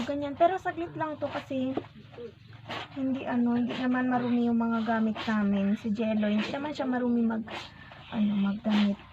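A woman with a high voice and a lingering cough rambles casually through a home vlog as she does the laundry by hand outdoors. She sounds tired, full of fillers and restarts. The recording is dull and lo-fi, and roosters and chickens cluck loudly behind her. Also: noisy background. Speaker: mother and vlogger. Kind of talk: casual vlog chat, mixing in English with her child.

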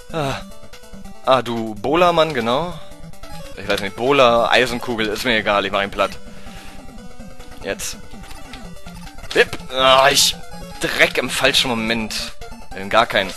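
A man with a German accent giving excitable gameplay commentary, swearing at the game and swinging from low mutters to sudden cries. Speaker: let's play gamer.

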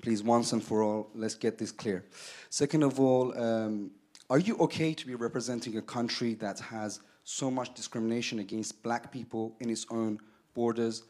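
A man's voice: mid-range voice, fairly even intonation, moderate pace, warm tone. A man from Iran, a journalist putting pointed, confrontational questions at a press conference.

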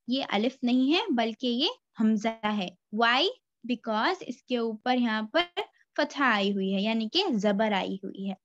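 Slow, patient woman teaching Quran reading. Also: high-pitched, no room sound. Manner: mixes Hindi-Urdu with English phrases; recites letter sounds slowly for repetition. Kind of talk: slow step-by-step lesson. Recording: dry, dull lo-fi recording.

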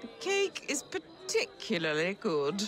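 An actress playing a stately older Victorian queen with an English accent, regal and deliberate. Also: medium pitch, huge pitch swings, a bit bright, soft background music. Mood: imperious.

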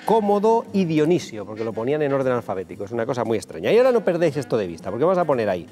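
A man's voice: mid-range voice, sing-song, racing, warm tone, faint music behind. A man talking casually as a guest magician, friendly and jokey, explaining a card trick to viewers. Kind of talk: casual TV chat.

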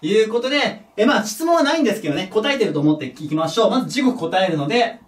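A man teaching a junior high English lesson at a board, patient and step-by-step, checking in with his students and joking about his own mistakes. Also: expressive, fast talker, distant mic. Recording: echoey room, voice from off the mic.

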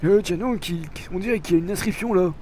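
A man's voice: sits high, fast talker, mellow, a little hiss or hum, natural voice. A man reading as a curious young explorer creature. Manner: wondering, hesitant reading with "euh". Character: curious male Pokémon partner, eager explorer. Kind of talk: dramatic reading of game dialogue.

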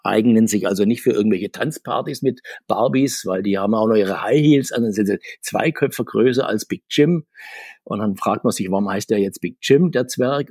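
His voice is medium-pitched, darkish and breathy-edged, with no echo and clean studio sound. He's a man in his 60s, a comics marketer appearing as a video-call interview guest from a home room full of figures, chatting casually, rambling, and laughing between points.

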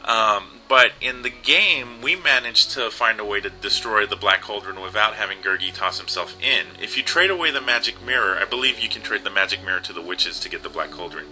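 A man's voice: on the low side, animated, brisk, few pauses, bright, forceful tone, soft background music, rough recording. A young man casually commenting on an old adventure game and reading its text aloud. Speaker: let's play host.

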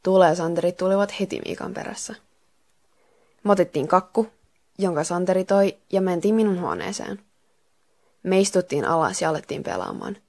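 A woman reading a children's story aloud as calm, even first-person narration. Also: lowish voice, pauses often. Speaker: reader.

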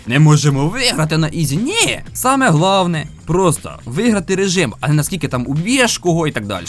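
Man, fairly high and very animated voice, playful gameplay commentary, faint music behind. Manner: playful and upbeat, with frequent sound-effect interjections. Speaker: gaming video host.

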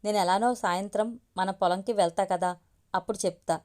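A woman voicing a gentle, affectionate middle-aged farmer father in a narrated story. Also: medium pitch, fairly even intonation, brisk, natural voice.

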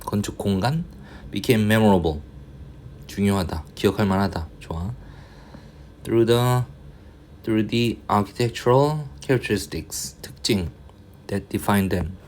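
A male English tutor going through a reading passage, reading the English slowly and explaining in quick asides, often muttering and grumbling to himself. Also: on the low side, a little mellow, slight background noise. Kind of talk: casual reading-passage lecture.

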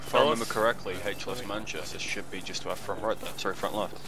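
A man coordinating over radio in a military simulation game, matter-of-fact and low-key. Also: steady tone, fast talker, background noise. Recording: busy overlapping game chatter behind.

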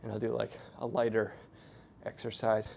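A young man chats in a relaxed, rambling way, full of fillers, while he works out. His voice sits fairly low. A faint rumble hums underneath, picked up by a small clip-on mic in a hotel gym. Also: normal speed, creaky. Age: young adult. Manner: laid-back, rambling with many fillers. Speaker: fitness vlogger. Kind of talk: casual vlog narration between sets. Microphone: small clip-on mic, camera at a distance.

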